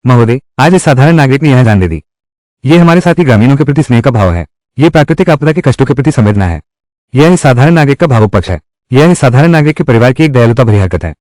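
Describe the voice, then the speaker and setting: A man voicing an earnest young man in a dubbed costume drama. He speaks in a formal, measured way, and his pitch moves a lot. The sound is dry and close. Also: animated, a little mellow, no echo, close to an everyday voice. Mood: indignant.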